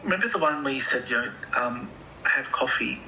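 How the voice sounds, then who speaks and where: A man playing an anxious, softly spoken therapy patient who talks hesitantly and meanders. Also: mid-range voice, expressive, a little fast, a little hiss or hum, rough recording. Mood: earnest. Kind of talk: improvised comedy dialogue.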